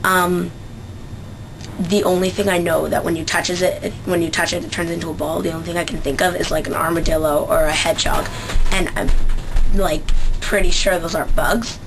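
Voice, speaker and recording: Over background music on a rough recording, this young Central Canadian vlogger speaks fairly quickly in a fairly low, steady, creaky voice with a Canadian accent. Her casual dialect-survey chat is hesitant, full of fillers and restarts.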